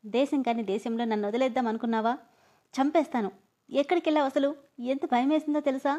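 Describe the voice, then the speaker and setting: A woman's voice: sits high, steady tone, fast, mellow, natural voice. A woman voicing a tearful, clingy young woman. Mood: tearful scolding. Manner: pleading and scolding.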